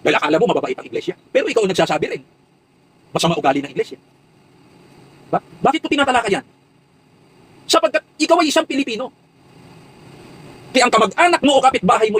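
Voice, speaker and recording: A man's voice: very high voice, a bit bright, breathy edge, dry recording, rough recording. A man delivering an impassioned commentary monologue, preaching with rhetorical questions and repeated emphatic lists.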